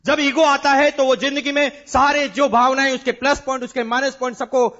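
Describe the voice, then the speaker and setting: A man speaking as a motivational business seminar speaker in a large hall, emphatic and repetitive, with rhetorical questions and drawn-out stresses. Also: very high voice, little pitch movement, sharp tone, lo-fi sound.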